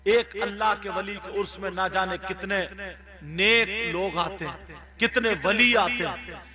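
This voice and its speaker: A man preaching a sermon with stories at a shrine festival, impassioned, dropping soft and then shouting. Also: sits high, unhurried. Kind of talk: religious sermon with storytelling. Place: outdoor shrine festival gathering. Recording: live crowd audible behind.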